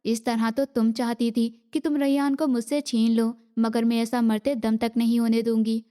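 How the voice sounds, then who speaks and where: A woman's voice: fairly high pitch, little pitch movement, dark tone, smooth, natural voice. A woman reading the part of a jealous, furious young pregnant wife who hurls scornful insults, in an audiobook. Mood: scornful rage.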